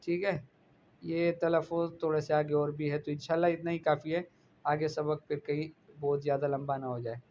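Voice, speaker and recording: Male language teacher, high voice, patient correcting manner, lo-fi recording with faint hiss. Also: level tone, a little mellow. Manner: reads Arabic phrases slowly, then translates and corrects them. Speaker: Arabic teacher. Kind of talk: lesson explaining Arabic pronunciation in Urdu. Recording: dull lo-fi audio with faint background noise.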